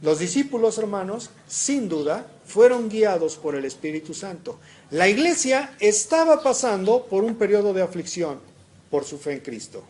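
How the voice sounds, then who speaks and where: A man's voice: high voice, big pitch swings, moderate pace, a little mellow. A man preaching a sermon to his congregation, reading scripture aloud and asking the listeners questions.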